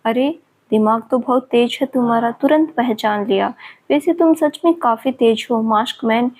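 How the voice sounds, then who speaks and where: A woman's voice: a little high, moderate pace, darkish tone, close to an everyday voice. A woman voicing a taunting, leering male villain who has escaped from an asylum, in her own narrating voice. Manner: mocking and leering.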